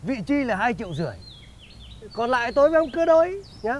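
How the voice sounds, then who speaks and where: In a comedy sketch, a comic actor plays a smug, crafty male schemer who bosses and talks down to others, tagging phrases with a teasing "nhá". His extremely high voice is very animated and fast, on a muffled recording with a little hiss or hum.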